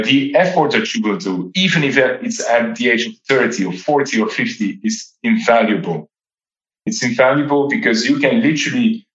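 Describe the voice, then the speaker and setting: A man in his thirties, whose first languages are French and Dutch, gives reflective answers as a podcast guest, often repeating words as he searches for them. His mid-range voice has a fairly bright tone, and the recording sounds roomy and lo-fi.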